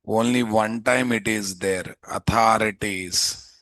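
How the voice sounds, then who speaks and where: A man with a Telugu Indian accent teaching a live software class, informally thinking aloud and repeatedly putting questions to students. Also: fairly low pitch, steady tone, slow pace, no room sound. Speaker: programming instructor.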